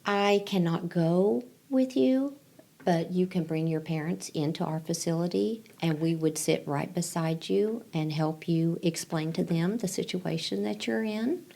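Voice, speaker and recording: A woman, a pregnancy client advocate answering interview questions in a gentle, reassuring way, repeating key phrases. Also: fairly low pitch, a little slow, gravelly. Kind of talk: interview answers, counseling talk.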